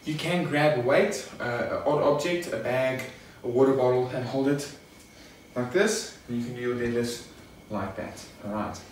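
Speaking at normal speed in a medium-pitched voice, a young man coaches a workout demo casually and instructively, addressing his audience as "guys." He's a fitness coach in a garage home gym, and the camera a few metres away picks up echo, distance and faint noise.

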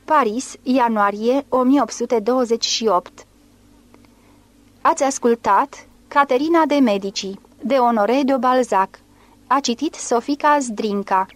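A woman reading a classic novel aloud as an audiobook in an even, clear literary manner. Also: fairly high pitch. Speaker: audiobook reader. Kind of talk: scripted audiobook narration.

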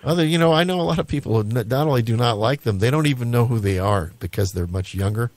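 A man's voice: medium pitch, fast, a little mellow. A man from the United States hosting a radio interview, asking rambling, chatty questions. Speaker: radio host.

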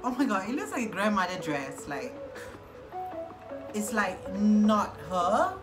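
A man's voice: sits high, big pitch swings, a little slow. A young man with a Singaporean accent giving casual reactions in a sassy, campy drag queen manner. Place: small room at home. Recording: music behind the voice.

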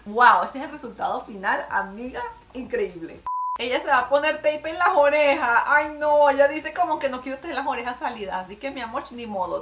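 A woman's voice: high-pitched, a bit bright, reverberant. Bubbly woman gushing over beauty tips. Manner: exclaims wow often, calls viewers my love. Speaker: beauty vlogger reacting to tips. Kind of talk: excited reaction commentary.

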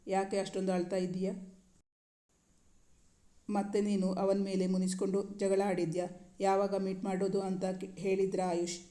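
A woman voicing a caring young woman, a helpful best friend, in a flat, even storybook reading. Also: medium pitch, normal speed, pauses often, lightly acted. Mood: concerned. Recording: roomy echo.

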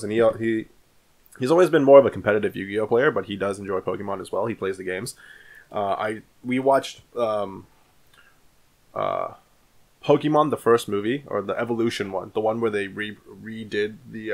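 Chatty man with a low voice. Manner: chatty, rambling, with many fillers and restarts. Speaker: card collecting channel host. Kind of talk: casual vlog and pack opening. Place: small home room with shelves of collectibles, indoors. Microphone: studio microphone on arm in front of him.

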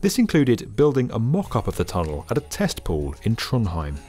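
Man, scripted documentary voice-over, animated pitch, faint background music. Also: moderate pace. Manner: lively, upbeat explainer delivery. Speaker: narrator.

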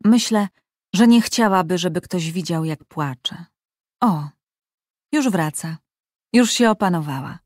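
Brief: a woman playing a calm, wise older woman, soothing and gentle, in a dry audiobook. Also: lowish voice, measured pace, pauses often, dry recording.

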